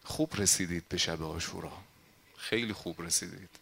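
A man's voice: deep voice, vocal fry, pushed and bright, breathy edge. A male preacher telling a religious story in a dramatic, impassioned sermon.

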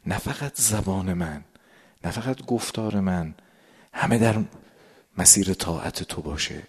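Deep-voiced man giving a slow sermon. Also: slightly rough. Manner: drawn-out words, sudden drops to a whisper. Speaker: religious lecturer. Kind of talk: sermon explaining a prayer text. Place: gathering with a live audience.

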